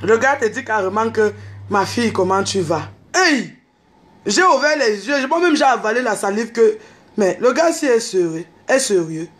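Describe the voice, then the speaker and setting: A woman, telling a story in an animated, unscripted rant to camera and mixing in street slang. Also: fairly high pitch. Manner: exclaims and calls out to others. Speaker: online video host.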